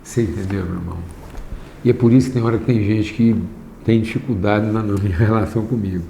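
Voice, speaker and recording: A man preaching a sermon as a class lesson, slow and emphatic, rising to raised lines and dropping to hushed ones. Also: lowish voice, steady tone, gravelly. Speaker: pastor teaching a class. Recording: echoey room, faint background noise.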